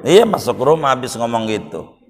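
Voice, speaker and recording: A male Islamic preacher, telling a story in a sermon with jokey asides and sudden loud bursts. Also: medium pitch, sing-song, moderate pace. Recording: reverberant hall.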